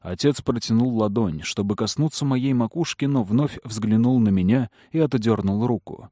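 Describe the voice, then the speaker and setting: A man narrating a story in the first person in a calm, even manner. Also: medium pitch, normal speed, dry recording, clean studio sound. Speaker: audiobook narrator.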